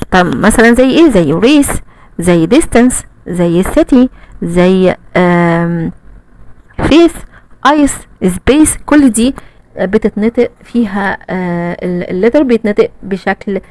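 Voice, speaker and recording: A woman's voice: mid-range voice, no room sound, low-quality recording. A woman teacher with an Egyptian Arabic accent walks through a primary English textbook in a casual, chatty way, saying "okay" often and chanting short rhymes. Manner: chatty, repeats "tamam" and fillers, sing-song rhymes. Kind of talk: casual explanatory lesson.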